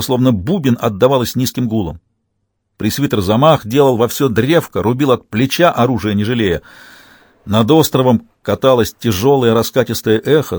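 A man reading an audiobook with steady storytelling narration. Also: mid-range voice, no echo, studio quality.

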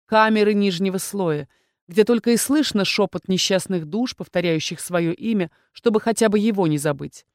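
A woman narrating a fantasy audiobook in the first person, measured and even. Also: medium pitch, dry recording, studio quality.

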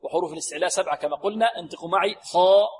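A man teaching Quran recitation on the radio, stretching words slowly to demonstrate sounds and then explaining briskly. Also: sits high, in a large hall, a little hiss or hum. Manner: slow drawn-out demonstration of sounds, repeats words; brisk explanations between examples. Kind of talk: tajweed lesson on radio. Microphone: recorded for radio.

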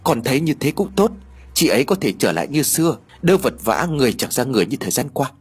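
A man's voice: mid-range voice, sing-song, husky. A male narrator voicing an anxious young man worried about his sister. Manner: anxious, whispering, quick.

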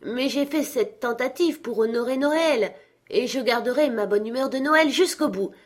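A woman voicing a cheerful, warm-hearted young man who pleads earnestly, in an audiobook reading. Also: on the high side, normal speed, voice pushed up, lightly acted. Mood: pleading.

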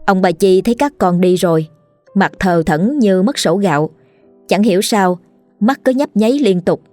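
A woman narrating a scripted ghost story in a steady, measured way. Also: medium pitch, no room sound, soft background music.

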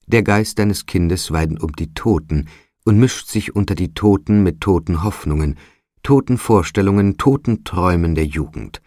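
A man's voice: low voice, moderate pace, darkish tone, no room sound, studio quality, close to an everyday voice. A man voicing a stern spirit of a bell in an audiobook, speaking in a solemn, admonishing way. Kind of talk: audiobook character voice.

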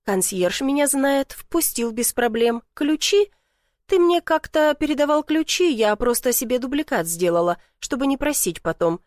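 A woman voicing a shrill, cooing blonde seductress. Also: expressive, normal speed, darkish tone, no room sound, studio quality. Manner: sugary coaxing, shrieks when scared. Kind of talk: audiobook character voice.

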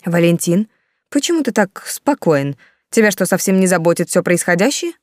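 A woman's voice: fairly low pitch, lively intonation, moderate pace, dry recording, studio quality, natural voice. A woman reading the part of a domineering, scheming older countess who hisses her commands. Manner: hissing, commanding.

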